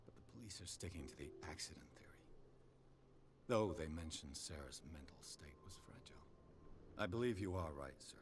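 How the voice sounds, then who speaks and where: A man's voice: rumbling low, expressive, a little fast. An actor playing a wry, weary male private investigator who talks in a dry, clipped, sardonic way. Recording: noisy game audio.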